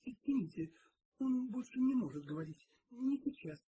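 A man's voice: very high-pitched, lively intonation, moderate pace, warm tone, a little hiss or hum, pitched above the performer's own voice. A man reading aloud and voicing a woman nurse who speaks politely but firmly. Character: calm firm nurse, a woman.

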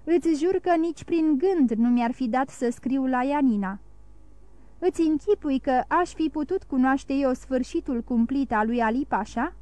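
A woman's voice: high voice, dark tone, dry recording, natural voice. A woman reading the part of a middle-aged banker who protests and defends himself, blustering out of fear. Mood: protesting.

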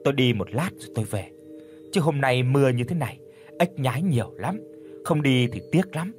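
A man voicing a hardworking young peasant husband who speaks calmly and reassuringly. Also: mid-range voice, brisk, faint music behind, lightly acted. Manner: reassuring, easygoing.

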